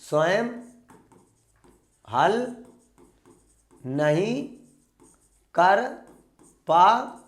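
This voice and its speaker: A man teaching an online exam-prep class. He keeps asking his students questions, answers them himself, and calls them "beta". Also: sits high.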